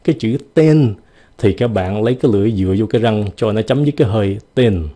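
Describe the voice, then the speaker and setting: A man giving a casual video lesson on pronunciation, repeating example words slowly and exaggerating the sounds. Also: fairly low pitch, dark tone. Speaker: English pronunciation teacher.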